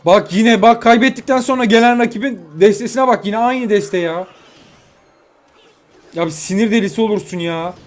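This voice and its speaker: High-voiced excitable young man gaming. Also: moderate pace. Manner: excitable, frustrated outbursts, talks to opponent. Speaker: gaming YouTuber. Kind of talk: live gameplay commentary. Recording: faint music behind.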